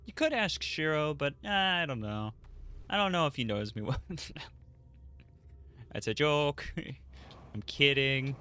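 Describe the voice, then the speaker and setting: Slow, bright-voiced male game streamer. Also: on the high side, lively intonation, smooth. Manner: rambling, playful, answers chat. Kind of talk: casual gameplay commentary.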